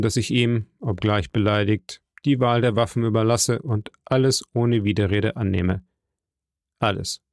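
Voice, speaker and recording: A man reading a cold, calm nobleman. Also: fairly low pitch, creaky, no echo, studio quality. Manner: icy, unshakably calm.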